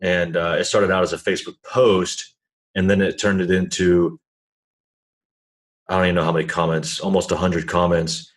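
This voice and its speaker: A man with a deep voice hosts a podcast, chatting in a casual interview at normal speed and a level tone. He's laid-back and easygoing, laughing easily.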